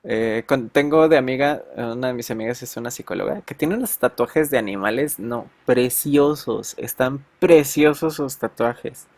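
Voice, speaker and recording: A man's voice: mid-range voice, a little mellow, dry recording. A man with a Mexican accent, a teacher chatting casually with his students and telling slangy stories full of fillers.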